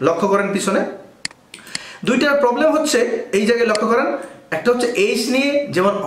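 Man, high voice, echoey room, grammar teacher, step-by-step explaining. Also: a bit bright, a little hiss or hum. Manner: explains step by step, asks and answers his own questions.

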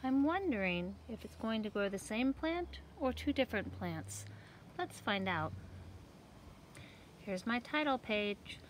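Slow, lilting woman in kids-show host style. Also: fairly high pitch, sing-song, slight background noise. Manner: kids-show host, sing-song, addressing children directly. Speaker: teacher reading a picture book to young children. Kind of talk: children's read-aloud with questions to listeners.

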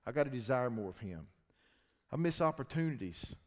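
A man preaching a sermon, swinging between loud shouting and low, intense talk. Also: animated, a little fast. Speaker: pastor. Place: church hall. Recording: long church reverb.

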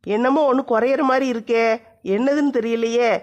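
A woman's voice: a little high, steady tone, brisk, darkish tone, muffled recording, pitched below the performer's own voice, lightly acted. A woman voicing a sly, spiteful young daughter-in-law who grumbles and runs a mock cooking show. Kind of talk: comedy skit.

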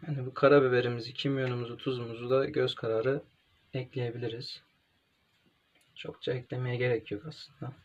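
Young man, cooking demonstration, step-by-step, middle pitch, muffled lo-fi recording. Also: flat delivery. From Turkey. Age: young adult. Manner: plain, step-by-step explaining with pauses and fillers. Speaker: gastronomy student presenting a recipe. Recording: dull lo-fi home recording with faint noise.

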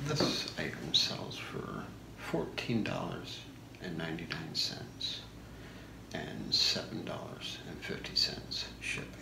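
A man in his thirties doing a whispered role-play as a shopping channel host, soft-spoken, with a slow, deliberate product pitch in a small room. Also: wildly swooping pitch. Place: small home room, indoors. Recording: echoey room with clear background noise.

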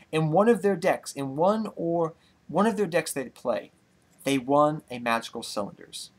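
A young man hosting a card-game channel, out of breath and talking in a rambling, excitable way that repeats itself. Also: medium pitch, breathy edge. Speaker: channel host. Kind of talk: casual card-game vlog.

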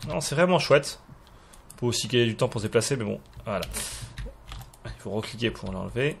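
Animated and a little fast, this man's medium-pitched voice carries vocal fry, with slight background noise behind it. Showing off a game mod, he hesitates, restarts, uses plenty of fillers, and laughs at his own expense.

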